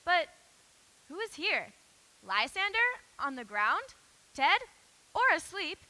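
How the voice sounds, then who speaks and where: A woman's voice: high voice, sing-song, takes it slowly, bright, forceful tone, full character voice. A woman playing a pleading lovelorn noblewoman. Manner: pleading, emphatic verse. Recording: echoey hall.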